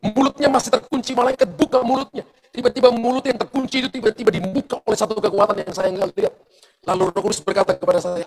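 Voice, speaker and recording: A middle-aged man preaches from a church stage, his voice sitting high for a man and carrying a gravelly edge. He tells his testimony in a lively way and keeps turning to the congregation with direct questions. He sounds like a pastor holding the room with a story. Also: poor audio. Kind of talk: sermon.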